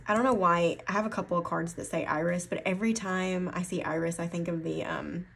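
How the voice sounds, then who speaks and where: A woman's voice: on the low side, steady tone, fairly quick, creaky, fairly bright tone, husky. A woman with an Appalachian accent giving a casual tarot card reading, rambling and correcting herself as she thinks aloud. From Appalachian foothills, USA. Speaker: tarot reader.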